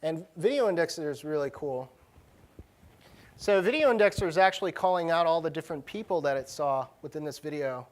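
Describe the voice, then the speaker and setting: At a conference session, a technology director presents a live tech demo in a casual, slangy, informal way. His voice is on the high side, lively in intonation and fairly quick.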